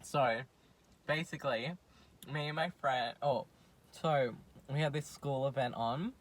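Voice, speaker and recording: A man's voice: mid-range voice, measured pace. A young man, casually chatting and rambling through a story, full of fillers. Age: young adult. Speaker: vlogger. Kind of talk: casual chat.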